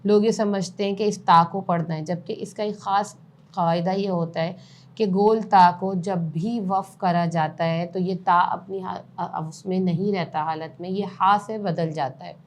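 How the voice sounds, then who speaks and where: A woman's voice: lowish voice, steady tone, a little mellow. Patient woman teaching Quran reading. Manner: patient, spells out letters and vowel marks slowly, recites in slow chant. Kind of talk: step-by-step lesson explanation.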